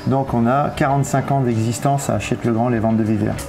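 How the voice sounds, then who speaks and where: A hotel and bar owner in his fifties talks quickly in a casual interview, his medium-pitched voice fairly even in intonation. He frequently hesitates and searches for words while music plays in the background.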